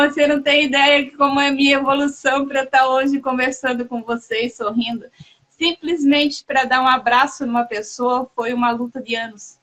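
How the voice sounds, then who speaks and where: A woman hosting a casual live chat, talking in a warm, halting way with many restarts and fillers. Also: sits high, steady tone, poor audio. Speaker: host.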